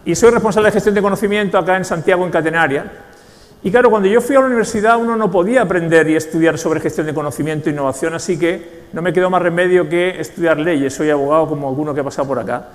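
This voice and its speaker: A Basque man with a Spanish accent from Spain gives a joking, ironic keynote to a business audience. His fairly high voice moves fast, and a long reverb tail trails it through the large event hall.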